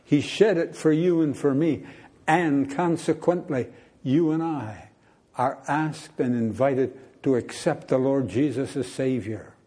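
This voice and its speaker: An older man preaching a sermon in a church, earnest and emphatic, with questions that rise in pitch. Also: a little slow, dark tone.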